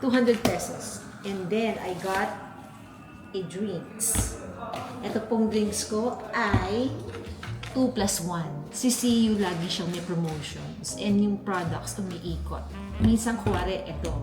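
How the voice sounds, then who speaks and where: A woman's voice: mid-range voice, slow pace, echoey room, over music. A woman with a Filipino accent chatting casually to viewers as a food vlogger, mixing languages as she eats and talks. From Philippines. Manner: chatty, eating while talking, code-switching. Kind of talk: casual food haul and mukbang chat to viewers.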